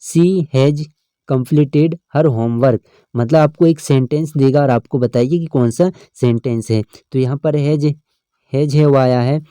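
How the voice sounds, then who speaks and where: A man's voice: mid-range voice, steady tone, normal speed, mellow, clean tone, dry recording, clean studio sound. A male teacher, explaining an English grammar lesson step by step and often checking in with his students. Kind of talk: exam-prep lesson.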